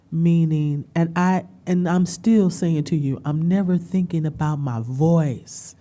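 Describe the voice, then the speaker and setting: A middle-aged woman shares a personal story at a community dialogue. Her voice sits low and mellow, and she talks with open emotion, quick laughter and heartfelt emphasis. She sounds tearful now and then but keeps going. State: tearful at times. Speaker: panel speaker and business owner.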